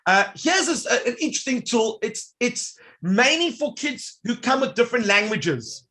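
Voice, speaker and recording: His voice is very high and sing-song, moving at a moderate pace, as he hosts a live online workshop. He demos software like a showman, upbeat and speaking to the audience head-on.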